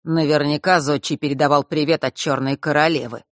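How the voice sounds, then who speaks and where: A woman's voice: low-pitched, fairly even intonation, fairly quick, no room sound, close to an everyday voice. A woman reading a wry, sly teenage boy with dry humor in an audiobook, close to her own voice. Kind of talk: audiobook character voice.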